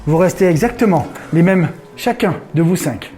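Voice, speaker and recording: A man hosting a comedy hypnosis show, giving slow, calming commands. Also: high voice, soft background music. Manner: slow soothing inductions, laughing banter. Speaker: stage hypnotist and host.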